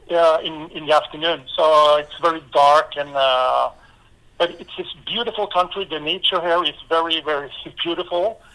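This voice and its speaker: A man from Norway with a Norwegian accent, a former volleyball player answering interview questions in halting English full of fillers and restarts. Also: fairly high pitch, bright, forceful tone, low-quality recording.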